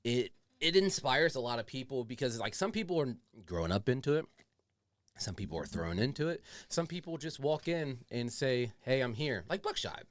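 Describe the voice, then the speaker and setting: A man's voice: mid-range voice, lively intonation, normal speed, no room sound. A man hosting a casual podcast, rambling along in slangy, profane chat. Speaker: podcast host.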